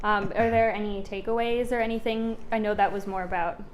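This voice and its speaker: A woman's voice: mid-range voice, fairly even intonation, fairly quick. Upbeat woman hosting a company interview. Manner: upbeat and friendly, laughs easily. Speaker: host of a company video series. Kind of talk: light corporate interview.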